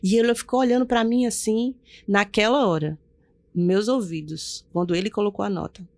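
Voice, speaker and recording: A middle-aged woman pastor telling her personal testimony in a casual interview, animated and playing out the voices of people in her story. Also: mid-range voice, normal speed, no echo. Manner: animated storyteller who acts out quoted voices and laughs often. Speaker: pastor, podcast guest.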